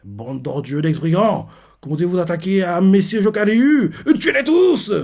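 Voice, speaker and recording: Guy putting on a furious soldier lieutenant, barking and shouting high. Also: expressive, moderate pace. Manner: shouting, rising to a yell.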